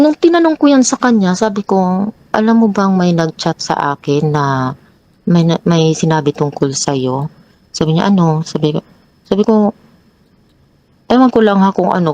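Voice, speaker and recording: A young woman telling her own troubling story as a guest, growing animated and restarting often as she recounts arguments. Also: moderate pace, no room sound, dull audio. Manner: animated, pitch jumps high when retelling arguments; frequent restarts and repeated words. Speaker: guest sharing a personal story. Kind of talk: emotional personal storytelling.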